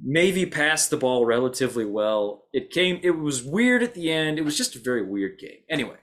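A young man recaps college football on a casual podcast. His voice sits at an average pitch. He delivers deadpan sarcasm and then moves along. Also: fairly quick. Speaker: podcast co-host. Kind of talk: casual sports talk.

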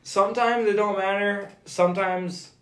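A man's voice: high voice, steady tone, moderate pace, echoey room, a crowd in the background. A man working as a hunting guide, telling loose, profane stories with lots of laughter in casual podcast chat.

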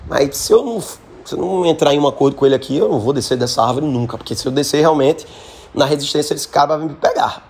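A man with a Brazilian Portuguese accent voicing a small, smug, unbothered cat in a told fable, speaking calmly and slyly. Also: fairly high pitch, fast talker, husky. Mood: scornful. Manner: calm, sly.

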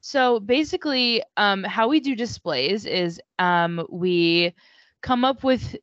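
A woman's voice: mid-range voice, slow, a bit bright, no echo. A woman co-hosting a casual book podcast over a video call, rambling with lots of ums and likes. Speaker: podcast co-host and bookstore worker. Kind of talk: casual chat. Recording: dry, dull lo-fi call audio.

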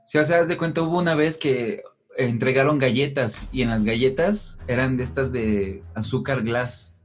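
A young man with a Mexican Spanish accent, explaining family traditions in a relaxed, casual chat. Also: mid-range voice, normal speed. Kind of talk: casual conversation.

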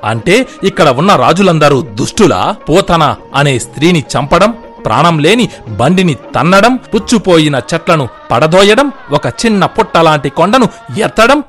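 A boastful, scornful king, as a male storyteller puts him on, pitched up and swinging through taunts and sneers. The voice jumps around, full of mockery. Soft music sits faintly behind. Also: very animated, measured pace. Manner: taunting, jeering insults. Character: arrogant scornful king, adult man, mocking and boastful.

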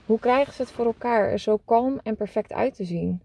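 A woman's voice: a little high, a little fast, vocal fry, mellow. A woman voicing a curious young boy.

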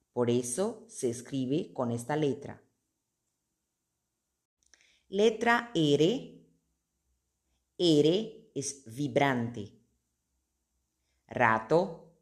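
A woman teaching Spanish pronunciation, naming letters and saying example words one at a time in a careful, deliberate way. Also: on the low side. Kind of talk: slow, deliberate pronunciation lesson.

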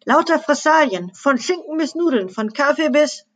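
A woman voicing a panicky male train driver who shouts in alarm in a storybook reading. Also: high voice, animated, moderate pace, pitched above the performer's own voice. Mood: matter-of-fact.

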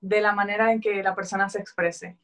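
A woman in her twenties in casual chat, easygoing and a little hesitant, with fillers and pauses. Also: medium pitch, little pitch movement, fairly bright tone.

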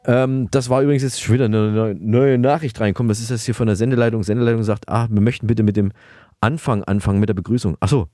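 A man's voice: fairly low pitch, steady tone, fast, mellow, no echo, clean studio sound. A man co-hosting a comedy podcast, talking in a flustered, rambling way with many restarts. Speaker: podcast co-host.

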